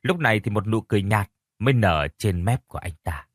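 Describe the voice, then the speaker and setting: A man reads an audio story aloud with a measured, dramatic delivery. His pitch rises and falls a lot as he tells it. The sound is dry and close. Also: animated, no room sound. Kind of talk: scripted audio story narration.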